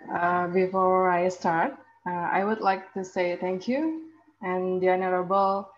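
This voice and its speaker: A woman's voice: lowish voice, steady tone, slow, muffled recording, crowd noise. A woman air traffic controller formally opening her talk as a webinar guest.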